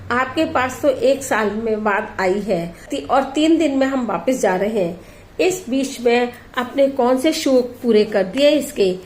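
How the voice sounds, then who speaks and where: A woman reading aloud as a hurt, gentle mother in a storybook tale, speaking softly and reasonably. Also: a little high, slight background noise. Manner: pleading, soft and reasonable. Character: hurt, gentle mother visiting her family home. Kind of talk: storybook reading with character voices.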